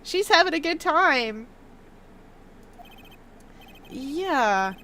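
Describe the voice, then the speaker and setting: A woman's voice: high voice, very animated, extremely slow, bright, forceful tone. A woman giving casual, playful commentary as she plays through a game, with chatty asides. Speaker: gaming streamer. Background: music.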